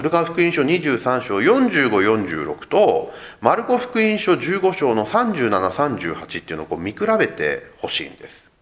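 Man, pastor, sermon, highly expressive swooping pitch, slightly high voice, vivid storytelling to the congregation. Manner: animated storytelling, speaks directly to the congregation. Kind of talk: Sunday sermon.

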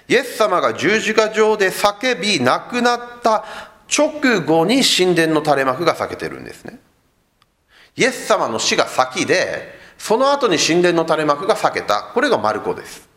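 A man's voice: fairly high pitch, sing-song, normal speed, fairly bright tone. A man, the pastor, giving a sermon and telling the story vividly while speaking directly to his congregation. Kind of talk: Sunday sermon.

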